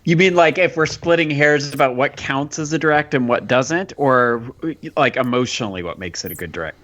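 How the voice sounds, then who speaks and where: A man's voice: mid-range voice, brisk, a bit bright, highs cut off. A man co-hosting a podcast in a casual discussion style. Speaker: podcast co-host.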